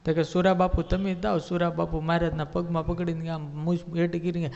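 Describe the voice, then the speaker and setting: A man with a fairly high voice tells a devotional story as a sermon, acting out each character's lines in shifting voices. His voice rings with a long reverb through a large hall. The recording is dull and lo-fi. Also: level tone, a little fast, vocal fry, darkish tone. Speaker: religious storyteller.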